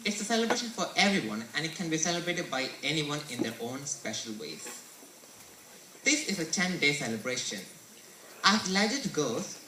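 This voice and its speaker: Earnest teenage boy from India, lively pitch. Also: a little hiss or hum. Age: teens. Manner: earnest, recited storytelling delivery. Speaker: student presenter. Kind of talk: scripted school presentation. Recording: roomy echo, mic at a distance.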